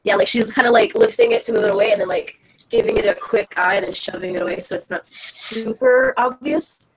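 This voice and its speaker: A woman's voice: a little high, a little fast, slight background noise, poor audio. A woman playing a tabletop game, talking loosely and playfully with some swearing. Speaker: player.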